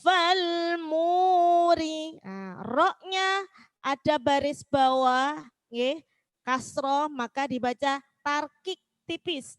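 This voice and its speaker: A woman with a Javanese accent leads a Quran recitation lesson, chanting each syllable slowly in a high voice. Between verses she explains pronunciation and invites listeners to recite with her. The recording is dry and close. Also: lively intonation, fairly bright tone, dry recording. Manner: slow, drawn-out chanting of verses, with quicker spoken explanations in between; asks listeners to repeat together.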